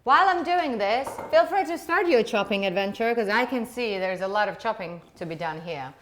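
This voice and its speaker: A woman's voice: mid-range voice, animated, a little fast, a bit bright, slight background noise. A woman hosting a casual cooking chat in a home kitchen, enthusiastic and full of eager questions. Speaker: host.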